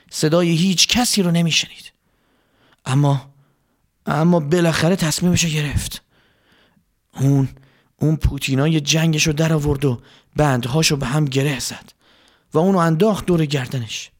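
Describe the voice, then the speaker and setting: A man narrating a religious story to children in an earnest, dramatic way. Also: fairly high pitch.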